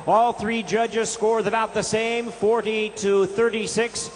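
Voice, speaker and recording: High-pitched bilingual lucha libre-style ring announcer, man. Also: level tone, measured pace. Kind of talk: bilingual boxing ring announcement, English and Spanish. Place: live boxing event venue.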